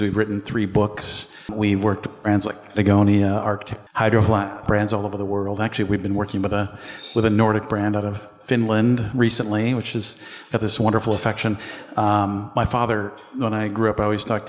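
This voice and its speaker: A man's voice: lowish voice, level tone, normal speed. A man on a business panel, upbeat and joking as he gives his background. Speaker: panelist, agency co-founder. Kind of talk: panel discussion. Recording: long hall reverb.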